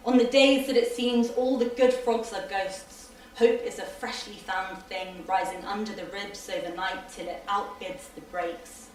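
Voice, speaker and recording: A woman reciting a poem at a live literary event, with a rhythmic, lilting delivery. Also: medium pitch. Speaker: poet. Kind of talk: poetry reading. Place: hall at a live reading. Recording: echoey hall from far off, faint noise.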